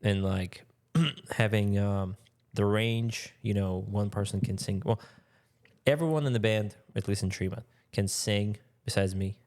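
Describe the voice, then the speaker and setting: A man with a Russian accent hosting a podcast, musing in halting phrases with frequent fillers. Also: fairly low pitch, darkish tone. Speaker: podcast host. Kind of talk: casual interview chat.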